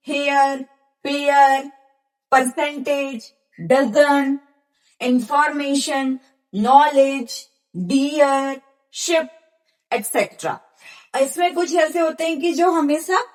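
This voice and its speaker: High-voiced woman teaching grammar, patient. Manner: patient, repetitive explaining with slow spelled-out examples. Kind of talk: classroom grammar lesson.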